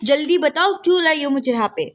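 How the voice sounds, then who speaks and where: A high-voiced young girl student who snaps back at a friend and will not be told what to do, as a woman voices her in a doll game role-play. She talks in indignant, clipped retorts. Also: expressive, brisk. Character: young female student, sharp and suspicious.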